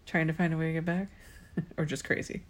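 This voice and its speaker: A woman's voice: sits low, fast. A woman co-hosting a podcast, chatting casually as she watches an episode and laughing often at what she sees. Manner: laughs often, animated reactions. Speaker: podcast co-host. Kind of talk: casual watch-along commentary.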